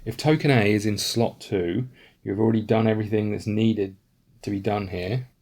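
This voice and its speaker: A man's voice: on the low side, fairly even intonation, normal speed, darkish tone. A man casually playing a solo board game, reading out rules and thinking aloud as he checks his moves. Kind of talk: casual tabletop playthrough.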